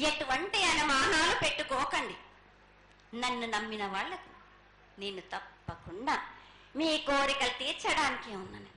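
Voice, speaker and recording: A bright, forceful, high-pitched woman speaks in a prophetic trance as a goddess. Her pronouncements are incantatory and repetitive. The live recording is echoey, with faint noise around her. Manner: incantatory, repetitive, declaring blessings in first person as a goddess. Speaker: ritual oracle speaking as the goddess Mahankali. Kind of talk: prophetic trance oracle pronouncement at a temple festival. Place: live temple festival ceremony.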